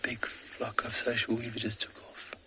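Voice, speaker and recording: A man whispering live wildlife commentary as a safari guide at a watering hole, hushed and awed. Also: medium pitch, completely flat delivery, moderate pace. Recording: outdoor ambience noise.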